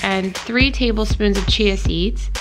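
A woman with a mid-range voice and measured pace hosts a healthy cooking channel from her home kitchen. Her recipe vlog is chatty and informal, and she calls her viewers "guys" over clear background music.

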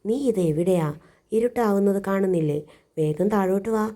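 A woman voicing a young girl who fusses over her kite like a caring big sister, soothing and scolding it gently in a storybook reading. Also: fairly low pitch, a little slow. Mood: calling anxiously.

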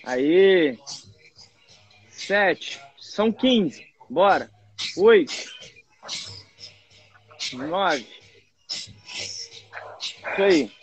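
Trainer guy counting reps, highish voice, slow steady pace, music playing behind. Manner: encouraging, calling out counts. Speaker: personal trainer.

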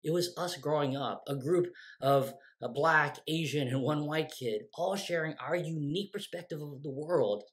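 An American playwright in his forties tells a story to his webcam, framed close, from a home room with bookshelves and windows. He's casual and animated, gesturing a lot and quoting his younger self with lively pitch shifts.

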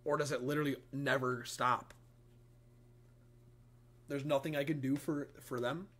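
A man's voice: medium pitch, steady tone, measured pace, a bit bright. A young man chatting casually as a game streamer in a crude, slangy frat-bro manner with lots of swearing. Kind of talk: casual livestream gameplay chat.

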